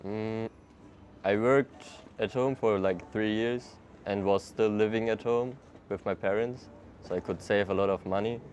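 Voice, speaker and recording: A young man, a traveler with a German accent, laughs frequently while answering casual street interview questions in English outdoors in a city. His phrasing is loose and non-native, his manner relaxed. The low voice comes at a measured pace through a muffled recording with slight background noise.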